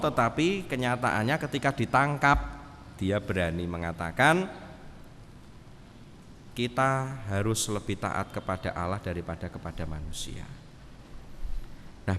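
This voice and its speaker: A man preaches a sermon, telling the story animatedly and switching into character voices for the dialogue. His voice sits at an ordinary middle pitch. The recording carries a long church-hall reverb and a faint hum of room noise. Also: a bit bright. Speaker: pastor.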